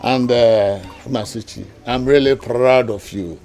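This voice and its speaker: An actor playing a pleased, generous middle-aged uncle, speaking slowly. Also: male voice, mid-range voice, a little mellow, lightly acted. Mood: approving. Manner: slow, approving. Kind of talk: Nollywood film acting.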